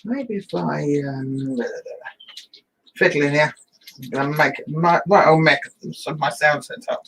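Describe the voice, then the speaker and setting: A man's voice: a little high, slow, gravelly, fairly bright tone, slight background noise, low-quality recording. A man chatting casually on a live stream from home, his voice boxy as if inside a box, easygoing and self-deprecating. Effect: boxy sound, as if inside a box. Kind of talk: casual chat. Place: room at home. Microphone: home microphone, badly placed.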